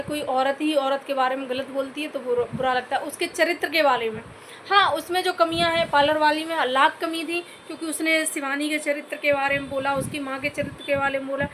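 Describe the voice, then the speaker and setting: Woman vlogger, high pitched, scolding, pleading, faint background ambience. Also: a bit bright, slight background noise. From Uttar Pradesh, India. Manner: scolding, repeatedly addressing listeners as "bhai"; earnest, pleading for comments. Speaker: YouTube vlogger. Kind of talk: direct-to-camera commentary rant.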